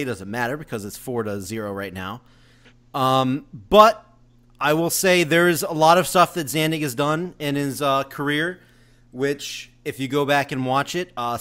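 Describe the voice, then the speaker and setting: A man's voice: a little high, a bit bright, clean tone. A man co-hosting a podcast, rambling through his argument with many fillers and giggles. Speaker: podcast co-host. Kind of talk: casual debate.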